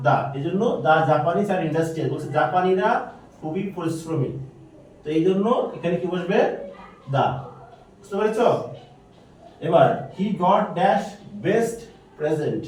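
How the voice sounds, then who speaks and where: A man's voice: on the high side, moderate pace, pauses often, darkish tone, recorded from a distance, a little hiss or hum. A male teacher, quizzing his students with repeated questions during a grammar lesson. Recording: very echoey room, voice from afar.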